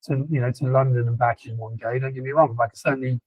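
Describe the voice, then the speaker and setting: A man's voice: medium pitch, fairly even intonation, quick pace, no room sound, lo-fi sound. A man co-hosting a podcast, chatting casually with lots of ums and restarts. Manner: rambling, many fillers and restarts. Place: lives in southern England.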